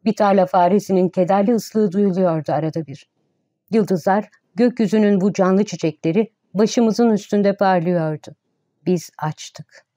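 A woman narrates a story in a steady, measured way. Her voice is mellow and warm at a middle pitch. The recording is dry and close. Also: no echo. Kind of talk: audiobook narration.

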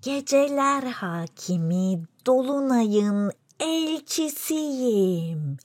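A woman voicing a clever young male rabbit trickster who puts on a slow, booming spirit voice to scare others. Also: no echo, studio quality, exaggerated voice. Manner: booming, drawn-out mock-spirit voice when tricking.

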